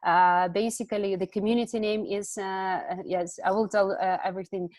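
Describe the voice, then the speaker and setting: A woman's voice: medium pitch, fairly even intonation, moderate pace, darkish tone, no echo. Woman on a video call from home, lots of um and uh, dry close sound. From Ukraine. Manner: hesitant, many fillers and restarts. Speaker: community organizer, guest speaker. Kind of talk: casual online talk.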